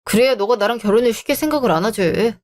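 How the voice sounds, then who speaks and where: A woman's voice: fairly high pitch, fast, darkish tone, lightly acted. A woman voicing an arrogant, bullying fiancé. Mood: scheming. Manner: condescending, bullying. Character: arrogant, controlling young man, the fiancé. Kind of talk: Korean story-channel radio drama reading.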